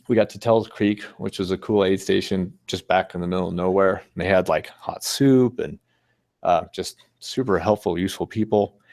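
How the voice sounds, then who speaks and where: A man's voice: low-pitched, a little mellow, no room sound. A man giving a casual, rambling talk with slides, easygoing and chuckling often. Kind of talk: casual storytelling presentation with slides.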